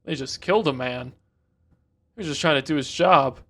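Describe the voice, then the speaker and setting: A man's voice: a little high, normal speed, a bit bright. A man hosting a reaction video, chatting casually, rambling, cutting himself off and cracking jokes. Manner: rambling, self-interrupting, jokey.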